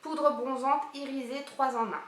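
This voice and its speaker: A woman vlogger chatting excitedly as she unboxes gifts, thinking aloud as she goes. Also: high voice, moderate pace. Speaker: beauty vlogger. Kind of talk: casual unboxing chat. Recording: roomy echo, faint hiss.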